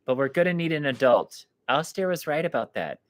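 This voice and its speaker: A man reading aloud, voicing an anxious, determined teenage girl who is an older sister, speaking in a hushed, urgent way in a storybook reading. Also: fairly high pitch, animated, fairly quick, natural voice.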